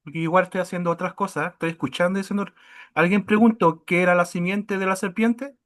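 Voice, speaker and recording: A man's voice: sits high, fairly even intonation, fast, a bit bright. A man who is a student, politely apologizing before asking his teacher a question in an online class. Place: online class, away from the mic.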